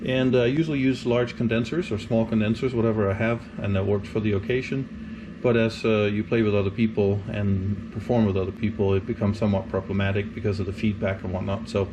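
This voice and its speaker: Low-voiced man explaining a DIY guitar job. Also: fairly even intonation, background noise. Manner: casual, unhurried explaining with frequent ums and uhs. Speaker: guitarist showing a pickup install. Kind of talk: step-by-step DIY tutorial.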